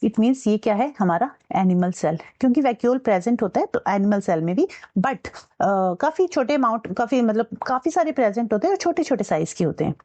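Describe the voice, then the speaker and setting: A woman's voice: fairly high pitch, big pitch swings, a little mellow. A woman teacher explaining science exam questions step by step, mixing English terms into her speech and checking in with her students. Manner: reads English question text slowly and deliberately. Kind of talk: exam-prep science lesson.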